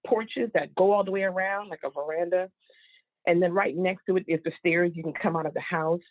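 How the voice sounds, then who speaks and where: A woman voicing a signed comedy act, telling funny family stories in a lively way with fillers and restarts. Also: on the low side, no echo. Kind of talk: interpreted comic storytelling. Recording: tinny, phone-like, dry.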